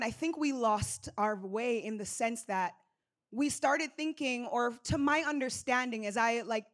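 A woman's voice: fairly high pitch, fairly bright tone. Young Jamaican-born woman giving church testimony. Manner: conversational, rocking back and forth, frequent fillers. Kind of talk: sermon testimony. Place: church service.

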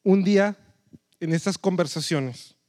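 A man's voice: high-pitched, a little slow, darkish tone, dry recording, clean studio sound. A man, a pastor preaching a sermon in a conversational storytelling way that keeps checking in with his listeners.

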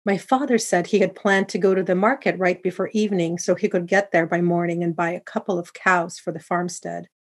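A woman narrating a first-person folktale in a steady, descriptive way. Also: lowish voice, a little fast, few pauses, husky. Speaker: storyteller.

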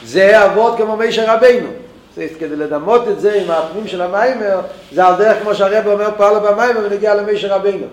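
High-voiced man teaching in an echoey room. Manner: thinks aloud with many restarts. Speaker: Torah teacher.

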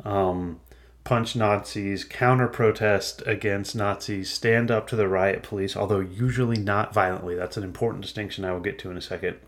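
A male podcast host answering listener questions in a loose, unscripted monologue, chatty and animated, often laughing mid-sentence. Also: on the low side, moderate pace.

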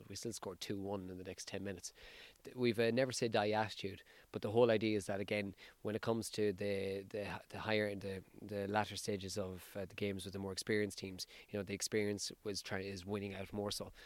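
A man's voice: on the low side, level tone, a little fast, few pauses, no room sound. A man with a west of Ireland accent giving an off-the-cuff interview as a sports coach, hesitating and repeating words as he finds his phrasing. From County Sligo, west of Ireland. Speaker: football team coach.

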